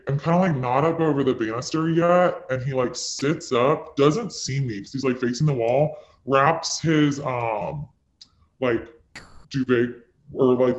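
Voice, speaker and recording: A man's voice: mid-range voice, reverberant. A young man telling a long personal story in a casual, rambling way, peppered with "like" and dramatic asides. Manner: rambling, full of "like" fillers, dramatic retelling. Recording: dull lo-fi recording.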